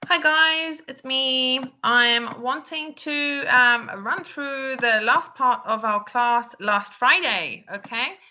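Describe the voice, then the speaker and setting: A woman's voice: high voice, slow pace, hardly any pauses, sharp tone, highs cut off, slight background noise. A woman English teacher, giving recorded feedback to her class in a chatty way with lots of "um" and "okay?".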